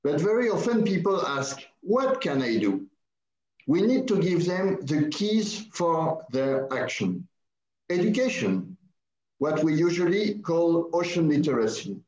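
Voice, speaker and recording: A man with a French accent addresses a conference in a formal, measured way, his voice sitting a little high for a man. The sound is roomy and echoey, with a dull, muffled band. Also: big pitch swings, a little mellow. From France. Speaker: conference speaker.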